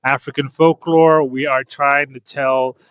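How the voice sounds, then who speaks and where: A man's voice: mid-range voice, level tone, unhurried, fairly bright tone, clean tone, no echo. A man from Ethiopia, a comics publisher, answering interview questions in an earnest, casual way, often restarting phrases. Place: comic convention floor.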